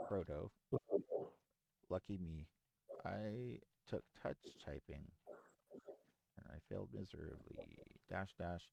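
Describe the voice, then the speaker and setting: A man's voice: low-pitched, vocal fry, mellow, dry recording. A man co-hosting a tech tutorial in casual chat, joking as he reads out commands letter by letter while typing. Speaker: co-host following a tutorial.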